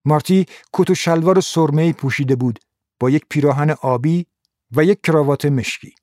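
A man's voice: on the high side, no echo, studio quality. Man narrating a noir audiobook. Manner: steady, measured first-person reading.

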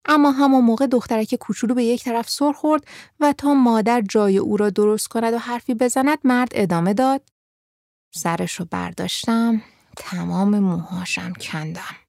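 A woman narrating a story in a calm, even reading voice. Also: on the high side, no room sound, studio quality.

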